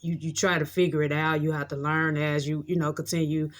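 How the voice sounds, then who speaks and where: A woman's voice: low voice, level tone, a little fast. A woman in her late thirties telling a rambling, heartfelt story in a casual monologue, often repeating herself. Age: 30s. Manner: heartfelt, reflective. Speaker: vlogger.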